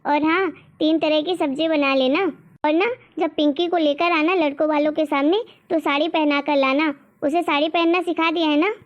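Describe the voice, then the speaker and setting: A woman's voice: high voice, fairly even intonation, normal speed, dull audio, lightly acted. A woman voicing a strict, nagging middle-aged mother in a cartoon story, lecturing and scolding. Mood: instructing.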